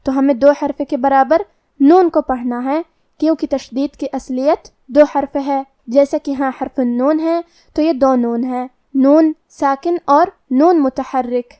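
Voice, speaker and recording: Woman w a high voice explaining tajweed rules slowly, step by step, lesson voiceover. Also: dark tone. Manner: measured, explanatory, letter by letter. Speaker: Quran recitation teacher.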